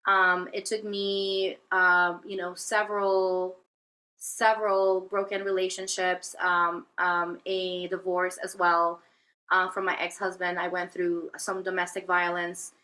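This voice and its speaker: Speaking slowly in a lowish, flat voice with a bright, forceful tone, this Venezuelan spiritual healer recounts her life as an interview guest. The talk is reflective and personal, full of fillers and false starts.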